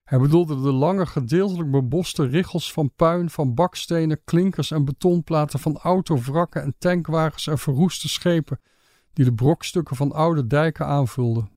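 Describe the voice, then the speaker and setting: Male audiobook narrator, calm and measured, matter-of-fact, dry close sound. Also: fairly high pitch, dry recording.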